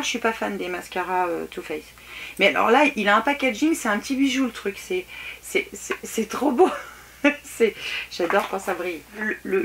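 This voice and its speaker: A woman reviews beauty samples in a casual, chatty vlog. She talks haltingly, with many restarts and fillers, at an ordinary middle pitch. A faint hiss and small clicks sit behind her voice. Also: fairly bright tone. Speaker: beauty vlogger. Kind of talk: casual product unboxing review. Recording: faint background noise and clicks.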